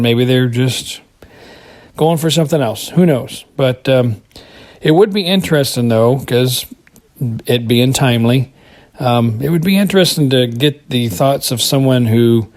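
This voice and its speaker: An American podcast contributor reviews a TV episode in a mid-range, slightly mellow voice. His casual monologue rambles and hesitates as he thinks aloud.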